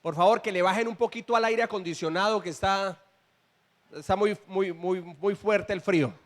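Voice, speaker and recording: A male pastor preaches in a church with a strikingly high voice. He reads scripture aloud and breaks into emphatic, rising bursts, speaking directly to his congregation. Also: moderate pace. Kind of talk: sermon.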